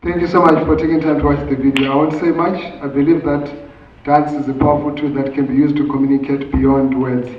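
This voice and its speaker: A young man, a dance educator, giving a short, soft-spoken and halting talk to an audience with frequent fillers. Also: on the high side, flat delivery, far from the mic. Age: young adult. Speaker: dance educator presenting his work. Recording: echoey hall from afar, dull, faint noise.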